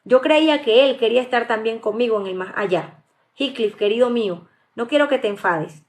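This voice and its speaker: A woman's voice: a little high, a little fast, close to an everyday voice. A woman reading the part of a feverish, passionate dying young woman in a live audiobook, with stumbles and restarts. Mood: longing. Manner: read aloud plainly, with stumbles and restarts.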